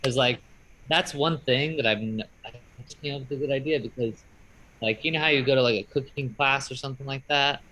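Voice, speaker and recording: A man's voice: mid-range voice, fairly quick, pushed and bright, low-quality recording. A man who does magic, talking casually and rambling upbeat on a video call. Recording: faint noise on a video call.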